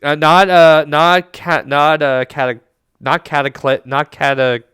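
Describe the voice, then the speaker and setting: A man casting a live online game tournament, with excitable, chatty and rambling play-by-play. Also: a little high, unhurried, clean tone, no room sound, studio quality. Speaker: esports tournament caster.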